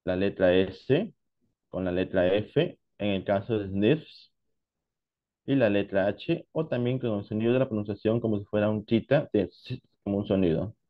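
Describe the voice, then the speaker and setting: A man teaching English to Spanish speakers, explaining past tense pronunciation slowly and deliberately, switching between Spanish and English. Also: on the low side, dull audio. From Peru. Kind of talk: online class lesson.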